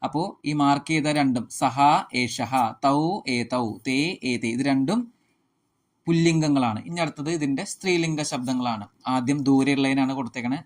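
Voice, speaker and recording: Male teacher, patient, spells out word forms one by one, mid pitch. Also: fairly even intonation. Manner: slow, deliberate recitation of word forms; repeats word lists and asks himself questions. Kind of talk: explaining a school lesson.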